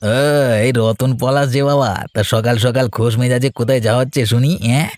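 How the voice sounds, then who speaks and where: A man's voice: medium pitch, steady tone, a little fast, darkish tone, lightly acted. A man playing a sly scheming village man. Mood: fake friendly. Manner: sly, muttering asides, fake friendly. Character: scheming middle-aged village man muttering plots.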